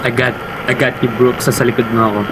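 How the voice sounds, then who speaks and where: A gaming host, giving excited, shouted callouts while playing with friends. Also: medium pitch, a little fast, very noisy. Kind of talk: live gameplay commentary with friends.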